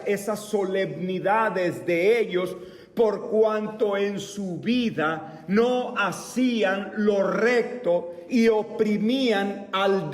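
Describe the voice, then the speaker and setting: A man in his fifties teaching a church Bible class, speaking deliberately and asking the class rhetorical questions. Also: high voice. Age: 50s. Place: church meeting room. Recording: echoey hall, mic far off.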